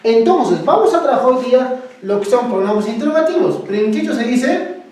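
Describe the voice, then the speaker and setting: A woman's voice: fairly high pitch, lively intonation, a little fast, darkish tone, recorded from a distance. A woman teaching a language lesson, asking her students questions and coaxing answers from them. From Cusco, Peru. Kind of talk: classroom lesson. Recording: very echoey room, voice from off the mic.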